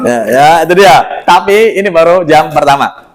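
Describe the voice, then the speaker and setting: A man teaching a classroom lesson in a lively way. He keeps questioning his students and mixes in religious exclamations and light jokes. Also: fairly high pitch, moderate pace, poor audio.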